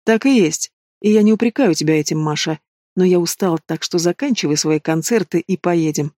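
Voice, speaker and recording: A man voicing a domineering, possessive mobster in an audiobook, speaking low and mocking. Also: a little fast, warm tone, no echo, studio quality, lightly acted. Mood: menacing.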